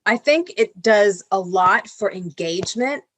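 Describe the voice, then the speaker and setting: Woman from Venezuela, executive panel guest on a video call: earnest, explanatory, medium pitch, dry close sound. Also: animated, unhurried, fairly bright tone, no room sound. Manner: earnest and explanatory, with small restarts. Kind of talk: panel discussion.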